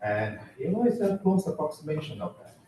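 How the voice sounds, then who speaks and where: A man's voice: a little high, sing-song, brisk, mellow, slight background noise. A man from Malaysia introduces himself to a public board in an easy, chatty way, with touches of self-deprecating humor. His voice carries a heavy echo, and the mic sits well away from him. Faint room ambience hangs underneath. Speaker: county medical director of behavioral health. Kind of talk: informal introductory remarks at a public board meeting. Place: county board meeting room. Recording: echoey meeting room, mic at a distance.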